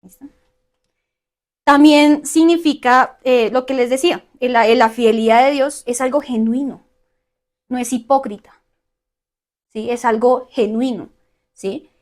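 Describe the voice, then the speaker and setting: A woman's voice: high-pitched, a little mellow. Woman teaching a Bible study. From Colombia. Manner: repeats "¿sí?" to check in with listeners; lists word meanings slowly and deliberately.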